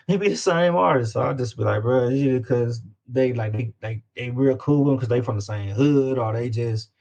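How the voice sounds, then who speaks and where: A Louisiana man, an independent music artist, talks as an interview guest in a relaxed, slangy Southern US accent, repeating himself to drive points home. He speaks at a medium pitch and moderate pace with a gravelly, slightly mellow voice, on a dull, lo-fi recording.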